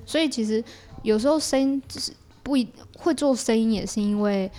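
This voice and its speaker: A podcast guest with a Taiwanese Mandarin accent talks casually about her creative work, explaining it as in an easygoing interview. Her voice is a little high and mellow, and she speaks briskly.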